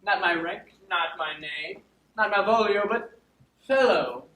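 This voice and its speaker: A man's voice: sits high, a little slow, sharp tone. A man playing a pompous steward. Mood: smug. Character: pompous, self-important male steward. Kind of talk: live stage play. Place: theatre stage. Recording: echoey stage from far off.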